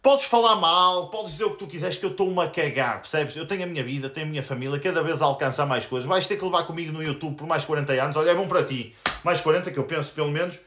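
Very fast and a bit bright, a slightly high male voice tears into a crude, angry tirade on a live stream, picking fights with his audience. The YouTuber is in his twenties, speaks with a European Portuguese accent, and sounds echoey in a roomy space.

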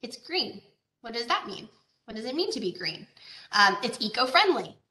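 A woman from Georgia leads an online lesson on farming and the environment, her voice bright and a touch high. She talks casually, with fillers and questions to the audience. The video-call sound carries a noticeable echo from the room. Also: sing-song, moderate pace. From Georgia, USA. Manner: conversational, with frequent fillers and rhetorical questions. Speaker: agricultural educator. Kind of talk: online presentation.

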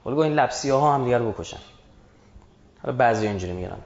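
A man's voice: medium pitch, expressive, roomy sound, lo-fi sound. A man giving a religious lecture in an emphatic, colloquial way, full of rhetorical questions.

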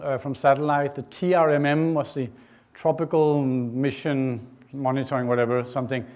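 A middle-aged man from Denmark, giving a university lecture in an informal, halting way with many fillers and restarts. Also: a little high, darkish tone. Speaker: guest lecturer. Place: lecture hall, indoors.

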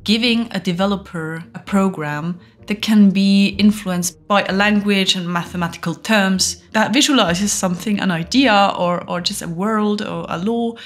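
A woman in a commentary clip, explaining her view in a measured, careful way. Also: medium pitch. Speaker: video creator being answered.

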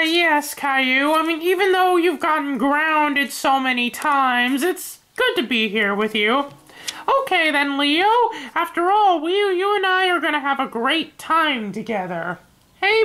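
A voice actor doing every role in a fan-made animated family video, switching between kid, parent and friend parts. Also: very high voice, slow pace. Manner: acts several family roles with the same voice.

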